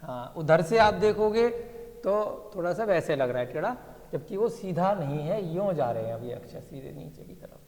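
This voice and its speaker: A man's voice: a little high, expressive, normal speed, darkish tone, in a large hall. A male teacher explaining an inscription to a class, thinking aloud and checking in with his students. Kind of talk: classroom lesson reading an inscription.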